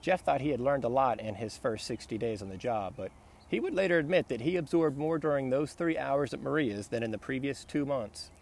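A man narrating a business novel in a steady, plain storytelling voice. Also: medium pitch, fairly quick, vocal fry. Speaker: audiobook narrator. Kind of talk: scripted narration.

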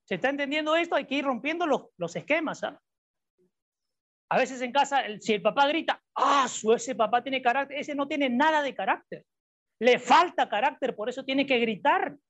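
A woman's voice: high-pitched, lively intonation, moderate pace. A woman preaching a sermon, repeating her key points and asking the congregation questions. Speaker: preacher and psychologist. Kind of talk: sermon with Bible reading. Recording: dull lo-fi recording.

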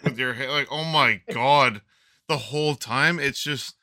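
Guy hosting a podcast, swears a lot, super bright tense voice, dead dry mic. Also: medium pitch, unhurried, no echo. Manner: profane, animated storytelling. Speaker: podcast host. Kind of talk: casual chat.

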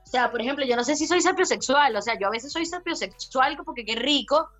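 A woman's voice: sits high, expressive, fairly quick, a bit bright, faint music behind. A woman hosting her own segment, chatting in a flirty, playful, rambling way. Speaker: segment host. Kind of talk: casual radio chat.

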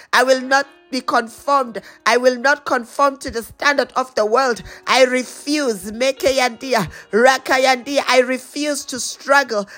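A woman leading a fervent spoken prayer, slow and rhythmic, with repeated declarations and stretches of speaking in tongues. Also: high-pitched, a bit bright. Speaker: prayer leader.

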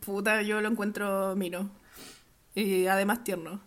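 A woman's voice: medium pitch, level tone, a little slow. A young woman with a Chilean accent, chatting casually as a podcast co-host, swearing freely, laughing and gushing like a fan. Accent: Chilean Spanish. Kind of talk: casual chat.

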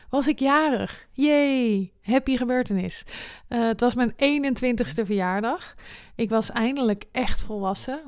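A woman's voice: medium pitch, darkish tone, clean tone, no echo, clean studio sound. A woman in her twenties hosting a personal podcast, speaking candidly and swearing freely. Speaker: podcast host.

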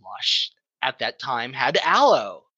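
A woman's voice: rumbling low, sing-song, takes it slowly, sharp tone, breathy edge, lo-fi sound. A woman in her thirties, a podcast co-host and writer, telling stories in a loose, profane, filler-heavy way. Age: 30s. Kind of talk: casual podcast chat.

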